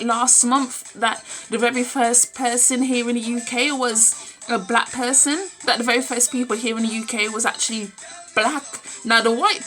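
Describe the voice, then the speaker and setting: A British vlogger around thirty talks casually and bluntly to camera from a room at home, holding her phone at arm's length. Her voice is on the high side, bright and forceful, and she's emphatic and opinionated, repeating phrases for emphasis and swearing.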